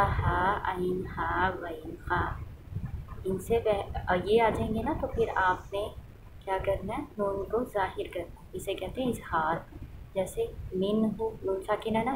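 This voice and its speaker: A woman's voice: mid-range voice, noisy background. Patient woman teacher explaining recitation rules. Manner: patient, asks questions and answers them; models pronunciation by reciting examples aloud. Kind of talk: explaining a lesson.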